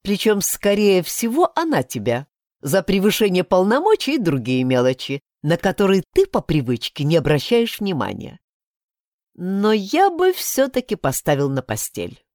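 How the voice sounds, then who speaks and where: A woman's voice: fairly low pitch, huge pitch swings, moderate pace, darkish tone, dry recording, clean studio sound. A woman voicing a male deputy sheriff who talks in an ironic, teasing way.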